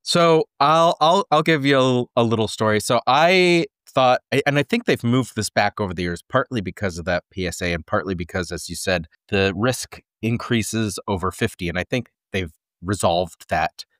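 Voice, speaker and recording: Man, 40s, lower pitch, dry teasing humor, relaxed podcast chat, dry close sound. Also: moderate pace, hardly any pauses, clear, resonant tone, no echo. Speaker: podcast co-host. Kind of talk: casual chat.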